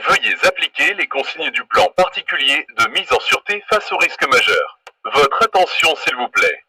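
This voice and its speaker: A man's formal emergency announcement plays through an alarm loudspeaker, repeating its instructions in a slow, insistent way. The voice is sharp and bright with a husky edge and a lively rise and fall. It sounds distant and dry, heard off the device. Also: on the high side, no room sound. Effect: played through an alarm loudspeaker. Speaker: pre-recorded alarm announcer. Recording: distant, thin loudspeaker playback.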